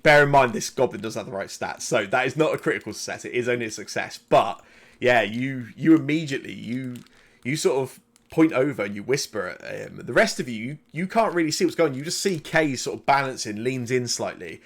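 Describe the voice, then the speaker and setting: A man's voice: mid-range voice, lively intonation, a little fast, a bit bright. A man narrating as game master of a tabletop game, in a rambling, self-correcting way, speaking into a desk microphone at home.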